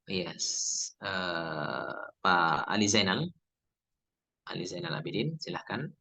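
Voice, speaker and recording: A man teaching Quran recitation in an online class, patiently drilling letter sounds by repeating them slowly. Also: sits low, sing-song, creaky, pushed and bright, lo-fi sound.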